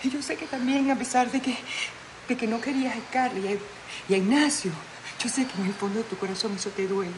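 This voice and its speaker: A woman's voice: on the high side, quick pace, background noise, natural voice. A woman playing a tender, pleading mother. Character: tender middle-aged mother pleading with her daughter. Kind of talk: telenovela acting.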